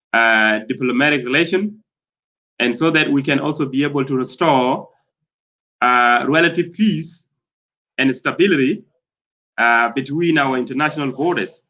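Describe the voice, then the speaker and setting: A man from South Sudan giving spoken commentary, speaking in a halting way with many fillers and repeated phrases. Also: mid-range voice, sharp tone, low-quality recording.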